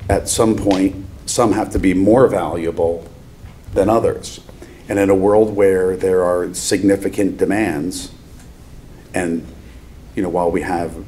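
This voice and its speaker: A man's voice: sits low, warm tone. A man giving explanatory remarks as a finance board member at a meeting, often qualifying his points. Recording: faint background noise.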